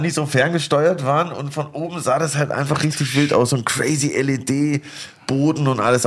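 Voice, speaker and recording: A young man from Berlin co-hosting a podcast, telling stories in an excitable, slangy, casual way. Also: on the high side, breathy edge. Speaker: podcast co-host.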